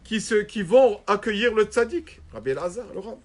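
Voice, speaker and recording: A rabbi telling a story in a religious lesson, animated and acting out quoted voices. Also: male voice, high-pitched, normal speed.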